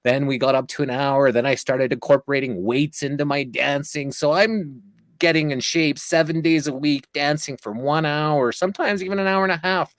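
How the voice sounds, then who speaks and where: A man's voice: a little high, dry recording. A man telling a long story as an interview guest, casual and rambling, with many fillers and restarts.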